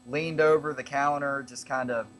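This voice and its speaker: A man's voice: mid-range voice, fairly even intonation, normal speed, fairly bright tone, a little hiss or hum. A man playing a tabletop game, schmoozing playfully in character. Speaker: player.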